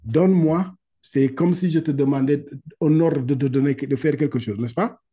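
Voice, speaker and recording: A man whose mellow voice sits on the high side teaches Quran reading remotely over video. His patient, step-by-step explanations are punctuated by "ok?", and he lengthens the Arabic words slowly so they can be repeated.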